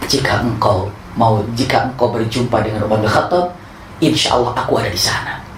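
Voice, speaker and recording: A man voicing a humble, caring ruler who speaks calmly and earnestly, in an echoey room. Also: on the low side, fairly quick, slight background noise, close to an everyday voice. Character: humble, caring male caliph.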